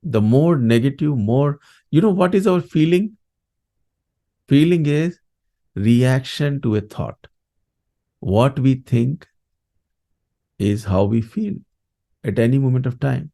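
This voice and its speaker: A man with an Indian accent speaking as a grief coach in an interview, explaining in a halting, reflective way with frequent small tag words. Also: medium pitch, animated, creaky, warm tone. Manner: halting, reflective, often adds "you know" and "right".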